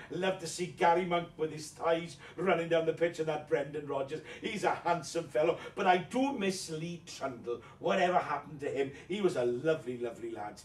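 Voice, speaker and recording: A man's voice: a little high, natural voice. Man as a flamboyant pantomime dame, echoey and distant. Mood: enthusiastic. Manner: pantomime dame manner, gushing, coy and gossipy. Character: flamboyant, vain, flirtatious pantomime dame, a widowed mother. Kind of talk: pantomime dame performance in a mock celebrity interview. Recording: echoey room, distant microphone.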